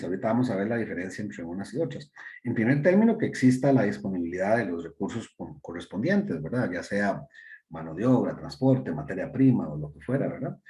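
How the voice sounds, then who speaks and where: A man giving a university lecture, tagging his points with "¿verdad?" and pausing on "eh" fillers as he works through examples. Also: mid-range voice, warm tone. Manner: explains with many rhetorical "¿verdad?" tags and hesitant "eh" fillers; acts out brief customer dialogues in his examples. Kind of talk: classroom lecture.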